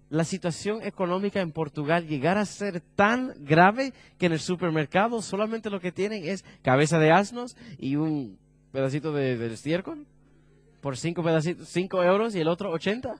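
A male preacher delivering a sermon with a lively, swinging pitch, higher than most men. He asks his listeners questions and sinks to a low voice for the heavy points. The sound is dry and close. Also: dry recording. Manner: animated, asks the congregation questions, drops low for emphasis.

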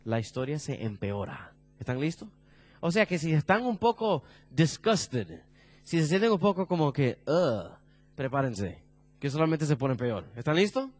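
A man preaching a sermon, asking the congregation questions and dropping his voice low for emphasis. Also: very animated, moderate pace, a little mellow, no echo, faint music behind.

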